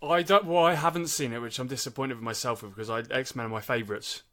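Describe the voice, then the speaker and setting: Bright-voiced sarcastic co-host. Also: male voice, medium pitch. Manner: wry, sarcastic, quick asides. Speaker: podcast co-host. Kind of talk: casual film discussion.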